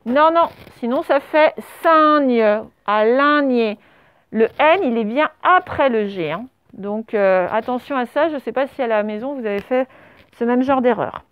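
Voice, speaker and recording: A woman teaching a primary school class, correcting a dictation and spelling words out letter by letter with patient pauses. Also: on the high side, animated, clean tone, dry recording. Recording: dull lo-fi sound.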